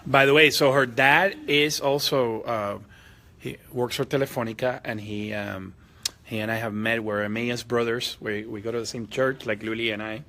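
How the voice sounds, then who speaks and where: A man's voice: mid-range voice, fairly even intonation, moderate pace, bright, forceful tone, a little hiss or hum. A man hosting a group meeting, chatty and friendly, often repeating himself. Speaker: meeting host. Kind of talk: casual hosting chat.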